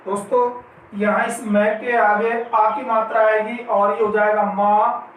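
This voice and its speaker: A male Hindi grammar teacher giving an exam-prep spelling lesson, drawing out each word slowly, repeating it, and asking questions he answers himself. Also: high-pitched, flat delivery, a bit bright. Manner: slow, drawn-out pronunciation of each word, repeating it. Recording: very echoey room, mic at a distance, faint noise.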